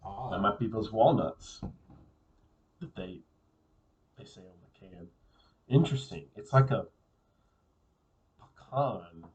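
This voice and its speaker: A man casually reviewing a beer on his own, relaxed and musing, often repeating words as he thinks aloud. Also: fairly low pitch, slow pace, long pauses, recorded from a distance, poor audio.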